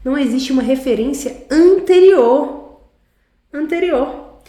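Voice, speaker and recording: A woman's voice: high-pitched, mellow. Woman teacher in an echoey room. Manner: explains slowly, often tags sentences with a question. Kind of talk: online class lesson.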